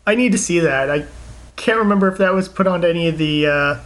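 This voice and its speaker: Young male co-host, high voice, rambling and excitable. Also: quick pace, slight background noise. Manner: rambling, excitable, laughs often. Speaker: podcast co-host. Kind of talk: casual chat about games and movies.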